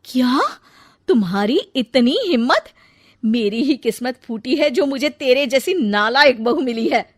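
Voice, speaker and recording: A woman playing a shrill, scolding mother-in-law. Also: little pitch movement, normal speed, few pauses, lightly acted. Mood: furious scolding. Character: bossy, short-tempered middle-aged mother-in-law.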